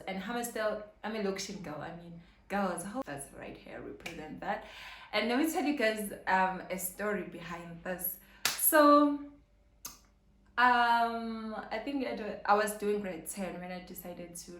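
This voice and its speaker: A young woman from KwaZulu-Natal, South Africa, vlogs to camera in casual chat, earnest and rambling with plenty of fillers. Her voice is medium in pitch and fairly bright, at a measured pace. The recording has a roomy echo and a faint hum underneath.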